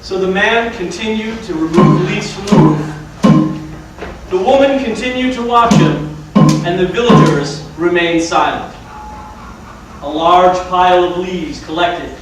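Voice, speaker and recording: A man with a high voice narrates a folktale as the storyteller in a stage play, keeping a measured pace and calm mood. The mic sits far off in a large room or hall, giving an echoey stage sound with music in the background.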